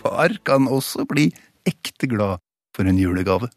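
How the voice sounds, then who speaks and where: A middle-aged man telling a personal story on radio, animated and acting out his own outbursts. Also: fairly low pitch, over loud music. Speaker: radio host reading a personal Christmas story. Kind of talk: storytelling monologue.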